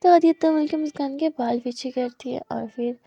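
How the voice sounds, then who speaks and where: A woman's voice: high-pitched, moderate pace, creaky, mellow, no echo. A woman narrating a love story in a chatty, casual storytelling manner, in a dull lo-fi recording. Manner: chatty, narrates in simple running sentences.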